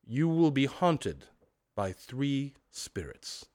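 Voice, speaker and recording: Man booming as a grieving ghost. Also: sing-song. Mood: thundering. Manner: loud, slow, declamatory. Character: tormented male ghost, old, solemn and grieving. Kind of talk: storybook reading.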